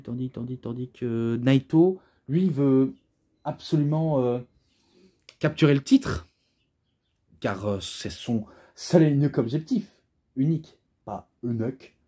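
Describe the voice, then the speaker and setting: Man with an imposing, mellow voice. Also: mid-range voice. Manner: gets carried away, rambling. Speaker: wrestling DVD reviewer. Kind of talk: casual spoken review.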